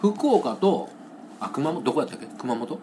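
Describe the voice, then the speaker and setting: A man's voice: medium pitch, sing-song, moderate pace, warm tone, slight background noise. Joking man. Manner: short reactions, joking remarks. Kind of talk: casual podcast chat.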